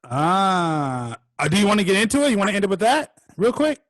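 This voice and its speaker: High, lively-voiced man hosting a chat. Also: brisk, dry recording. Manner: laughs often, relaxed and joking. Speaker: podcast host. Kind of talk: casual chat.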